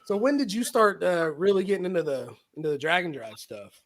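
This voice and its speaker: A man's voice: high voice, animated, a little fast. A man hosting a casual podcast chat, asking his guest questions. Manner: chatty, asks questions. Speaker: podcast host.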